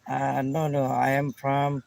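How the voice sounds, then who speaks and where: Slow-talking Pakistani man greeting viewers. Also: mid-range voice, completely flat delivery, vocal fry, a little mellow. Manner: halting simple English, greets viewers by name. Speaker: vlogger chatting with viewers. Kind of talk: casual live chat.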